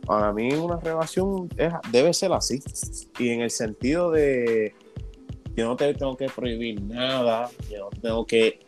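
A man's voice: measured pace, faint music behind. Blunt, profane man. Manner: blunt, profane, animated, mimics women in high voice. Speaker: podcast co-host. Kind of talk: casual chat.

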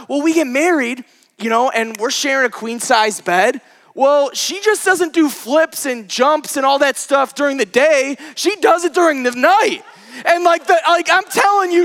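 High-voiced man preaching with animated stories. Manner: animated, laughs often, self-deprecating. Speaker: pastor. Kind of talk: storytelling sermon. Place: church with live audience.

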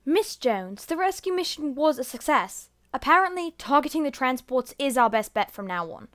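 A woman voicing a level-headed female superhero squad leader who speaks in a brisk, businesslike way. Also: high-pitched, very animated, background noise. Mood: reporting. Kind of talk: amateur audio drama acting.

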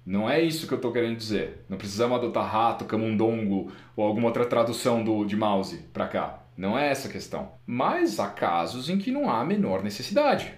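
In an echoey room, a Brazilian Portuguese-accented podcast co-host and interpreter speaks briskly in a lowish voice, barely pausing. His casual chat is lively and emphatic, with frequent laughter.

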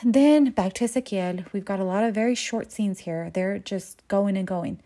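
Here a warm, mid-range female voice at a moderate pace sums up a telenovela episode in a relaxed way. She curses without restraint and performs the characters' dialogue with sharp jumps in pitch.

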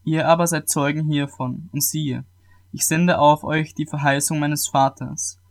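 Male scripture reader, a touch higher-pitched than most men, steady and measured, slight restarts now and then. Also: vocal fry. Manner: measured reading with occasional small restarts. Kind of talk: reading scripture aloud.

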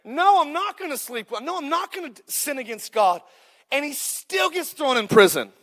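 A man's voice: very high voice, sing-song, moderate pace, a bit bright. A man in his thirties preaching a sermon, joking and punchy, calling out to the congregation. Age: 30s. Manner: joking, punchy preaching with call-outs to the crowd. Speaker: pastor.

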